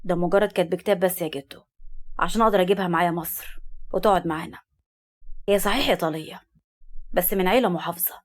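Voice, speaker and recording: A woman's voice: on the low side, fast, long pauses, natural voice. A woman voicing a glib young Egyptian man. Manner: glib, playful. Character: smooth young man hiding a secret marriage.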